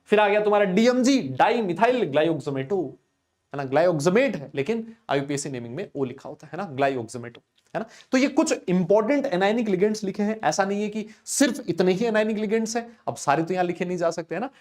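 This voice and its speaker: High-pitched, chatty chemistry teacher. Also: male voice, expressive, quick pace, few pauses, a little mellow. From India. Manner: chatty, teasing, answers live chat comments, coaxes students with filler tags. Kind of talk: live online lecture.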